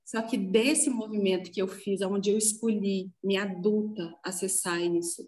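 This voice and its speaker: A woman telling an emotional personal story to a group, animated and acting out what she said back then. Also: medium pitch, normal speed, recorded from a distance, rough recording. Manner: animated storytelling, acting out her own past words. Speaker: group participant sharing a story.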